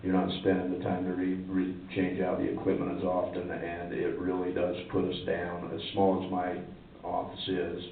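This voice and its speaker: A man's voice: low voice, monotone, moderate pace, slight background noise. A man, a county sheriff, explaining his budget plainly and at length at a public meeting. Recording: echoey room from far off, phone-like.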